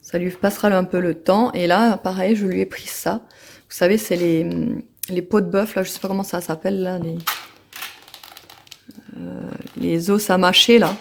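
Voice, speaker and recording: A woman's voice: fairly low pitch, fairly even intonation, normal speed, slight background noise. Chatty woman vlogging in an echoey room. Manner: chatty, many fillers and restarts, fond baby talk to pets and baby. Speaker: family vlogger. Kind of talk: casual home vlog, talking to camera. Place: at home.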